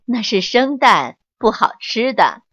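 A woman voicing the monkey's calm, wry adult owner in a dry, teasing, lowered voice. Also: slow, heavily acted. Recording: dull lo-fi, dry.

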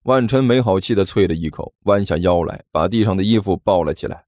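A man narrating a comic novel as an audiobook in a lively storytelling manner. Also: deep voice, fairly quick, no echo, studio quality. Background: faint music.

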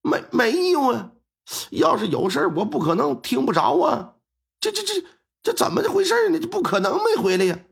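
A man voicing a tipsy cart driver who stammers in a high, loud, flustered voice. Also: huge pitch swings, brisk, vocal fry, full character voice.

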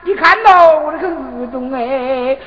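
A woman's voice: high-pitched, measured pace, a bit bright, poor audio. An actress playing a quarrelsome old village woman in Chu opera, with a Hubei accent and sing-song, wailing scolding. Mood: complaining. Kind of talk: Chu opera stage acting.

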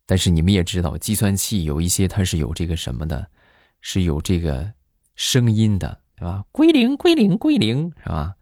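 This middle-aged man has a deep voice and speaks at a normal speed as he hosts a joke show, telling humorous stories and acting out the voices in them. The studio-quality sound has no room tone at all.

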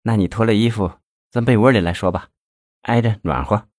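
A man doing a coy, sharp-tongued young woman. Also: lowish voice, no echo, studio quality, natural voice. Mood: coquettish, teasing. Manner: coquettish, scolding, quick retorts.

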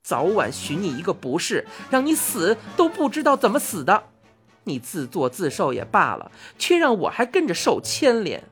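A woman voicing Chang'e, a vain, quick-tempered young wife who scolds shrilly, for a spoken storybook. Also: on the low side, big pitch swings, faint music behind. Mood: scolding.

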